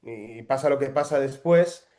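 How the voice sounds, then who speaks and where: Chatty actor. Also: male voice, mid-range voice, measured pace, dark tone. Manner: chatty storyteller, frequent hesitations. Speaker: actor guest. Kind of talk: casual interview.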